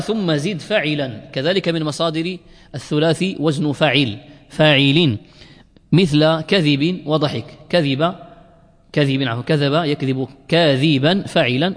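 Guy teaching grammar in a big hall, kinda high voice, slow and repetitive, lots of reverb. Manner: explains slowly, repeats words, drawn-out fillers. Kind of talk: classroom lecture.

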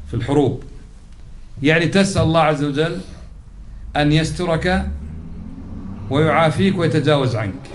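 A man's voice: fairly high pitch, slight background noise. A man teaching a religious lesson, explaining patiently, repeating key words and putting questions to his class. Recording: roomy echoey recording.

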